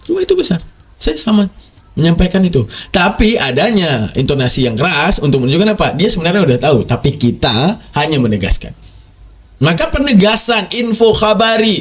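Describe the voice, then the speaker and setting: A man giving emphatic religious commentary on a video, repeating words for stress and mocking his opponents. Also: a little high.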